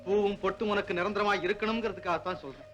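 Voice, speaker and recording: Actor as a grave avenging hero in an old film. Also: male voice, sits high, steady tone, racing, muffled recording. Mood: resolute. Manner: solemn and grave, turning to impassioned shouting. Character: grim young man set on revenge, breaking off his engagement. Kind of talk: 1960s Tamil film acting.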